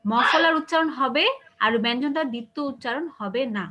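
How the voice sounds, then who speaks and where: A woman teacher with a Bangladeshi Bengali accent leads an online class. Her voice sits high and she talks quickly. She explains step by step and keeps asking her students if they understand. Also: animated, pushed and bright, lo-fi sound. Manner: explains patiently, asks checking questions.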